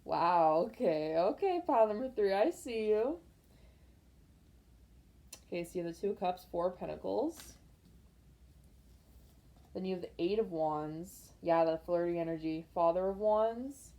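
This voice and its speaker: A young woman reads tarot cards for her viewers in a chatty, excitable way, often trailing off with "like". Her voice sits slightly low and sounds warm and mellow. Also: a little slow, long pauses, dull audio. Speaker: tarot reader. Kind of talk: pick-a-card tarot reading.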